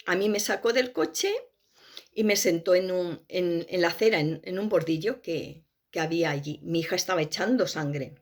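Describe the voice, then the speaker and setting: Gravelly-voiced woman telling her testimony. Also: lowish voice. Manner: emotional storytelling, restarts and halting phrases. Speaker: testimony speaker. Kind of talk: personal testimony.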